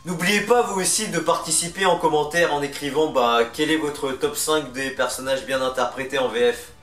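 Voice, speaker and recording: With music playing beneath, a man presents a ranking video, offering chatty, opinionated commentary in a casual style. His voice is on the high side and a bit bright, at a normal speed, and the distant mic gives a roomy sound.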